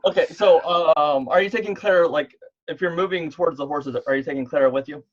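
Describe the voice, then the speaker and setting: A man's voice: a little high, quick pace. A man narrating as game master of a tabletop game played over an online call, thinking aloud as he goes. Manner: laid-back, thinks aloud while narrating. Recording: dull lo-fi online call audio.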